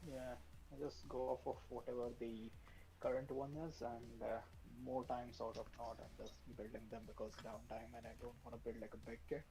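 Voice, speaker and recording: A man's voice: medium pitch, level tone, moderate pace, warm tone, rough recording. Dry, laid-back man in casual chat.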